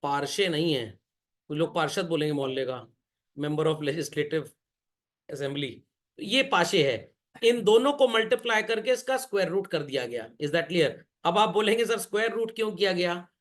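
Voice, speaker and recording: A man's voice: fairly high pitch, animated. A male teacher giving a classroom lecture, joking and quizzing the class as he goes, often calling the students children. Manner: jokey, keeps addressing the class as children; asks the class quick questions. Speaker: commerce teacher.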